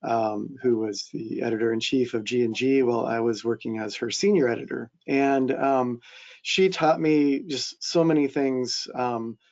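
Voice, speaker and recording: A male editor answers a panel question in an earnest, reflective way, with many fillers between his thoughts. His voice is dark and mellow at a mid pitch. The sound comes through a dull, lo-fi line. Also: steady tone, unhurried.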